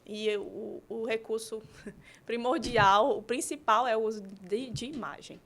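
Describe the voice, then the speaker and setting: Uma mulher convidada, pedagoga e terapeuta, explicando com exemplos numa conversa de podcast e pontuando as frases com "né?". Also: female voice, a little high, a little slow, a bit bright. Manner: explains with examples, frequent "né?". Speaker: guest, pedagogue and therapist.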